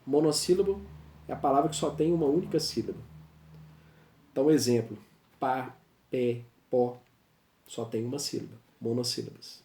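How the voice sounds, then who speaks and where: A man at a middle pitch gives a grammar lesson in a patient, explanatory way. He repeats each example slowly so students can follow. His voice carries a roomy echo. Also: vocal fry, dark tone. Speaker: Portuguese teacher. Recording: echoey room.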